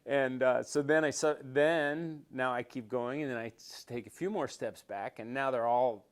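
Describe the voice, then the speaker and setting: An older man telling stories as an interview guest, rambling with fillers and restarts and growing animated as he goes. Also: mid-range voice, normal speed. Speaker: interview guest, former quarterback. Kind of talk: relaxed storytelling interview.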